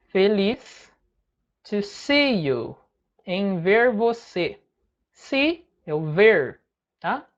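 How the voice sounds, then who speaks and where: A Brazilian woman teaching English in an online lesson, patiently breaking each phrase into single words. Her mid-pitched voice comes through a slightly dull, lo-fi recording. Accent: Brazilian Portuguese.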